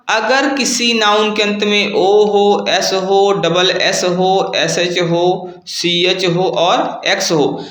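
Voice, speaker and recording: A man's voice: high-pitched, a bit bright, echoey room. A man teaching a grammar lesson, explaining step by step and asking his students questions.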